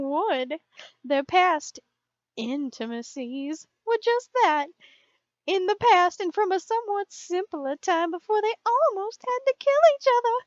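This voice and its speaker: Amused by the text, a high-voiced woman reads fan fiction aloud. The recording is close and dry, yet dull and lo-fi.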